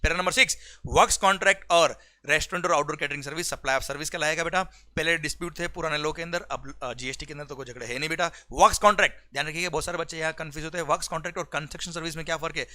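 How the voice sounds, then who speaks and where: A male teacher giving an exam revision lecture in Hindi mixed with Indian English, speeding through explanations, then slowing down to dictate legal text, and often checking "clear?". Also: on the high side, bright, forceful tone.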